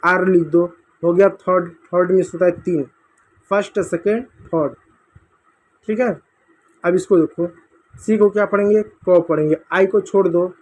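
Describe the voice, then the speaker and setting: A male teacher patiently walking young children through English reading at a board, repeating each step. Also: sits high. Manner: patient, repetitive explaining to kids.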